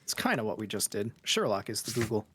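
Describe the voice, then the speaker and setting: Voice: medium pitch, sing-song, fast, fairly bright tone, slight background noise. A streamer playing a detective game who gets sidetracked and explains things at length in casual chat.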